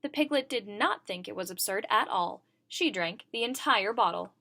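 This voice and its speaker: A woman reading a children's picture book aloud, expressive and voicing the characters. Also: medium pitch, normal speed, vocal fry. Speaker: reader. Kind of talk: children's story read-aloud.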